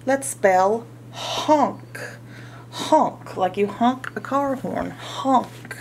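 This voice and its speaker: A woman's voice: on the high side, drawn-out words, gravelly, darkish tone, a little hiss or hum. A woman teaching phonics, sounding out words syllable by syllable and sound by sound in an instructional way.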